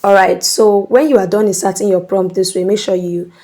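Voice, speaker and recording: A woman's voice: medium pitch, fairly even intonation, a little fast, warm tone. A woman hosting a screen-recording tutorial, explaining steps patiently and checking in with "okay?". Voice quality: instructive, repeats "okay?" to check in. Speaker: tutorial host.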